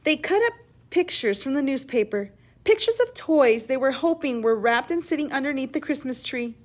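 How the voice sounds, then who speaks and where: A high-pitched woman reads a children's story aloud like a teacher, animated and emphatic, stopping to explain words and pose questions. She drops into hushed asides along the way.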